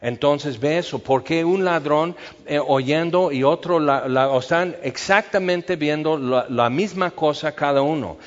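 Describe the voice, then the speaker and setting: A man's voice: a little high, measured pace. Man preaching in a reverberant hall. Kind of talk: expository Bible sermon. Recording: long reverb, dull lo-fi sound.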